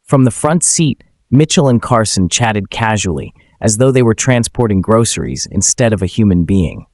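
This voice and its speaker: A man giving scripted, suspenseful dramatic narration in a measured way. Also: lowish voice, animated, no room sound, clean studio sound.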